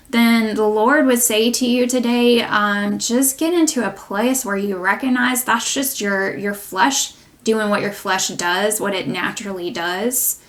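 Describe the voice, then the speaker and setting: A woman minister giving a gentle, reassuring devotional teaching with many small fillers. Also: mid-range voice. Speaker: prophetic minister.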